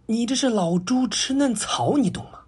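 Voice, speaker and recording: A man voicing a hot-tempered male monkey king who talks fast and scolds. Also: very high voice, animated, husky, pitched above the performer's own voice, heavily acted. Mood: scolding. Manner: quick, scolding, indignant. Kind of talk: comic storytelling.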